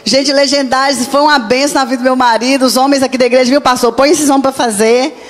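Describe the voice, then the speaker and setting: A Brazilian woman pastor preaching to a church, telling a personal testimony with animated storytelling and acted-out dialogue. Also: sits high, quick pace. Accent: Brazilian Portuguese. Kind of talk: testimony sermon.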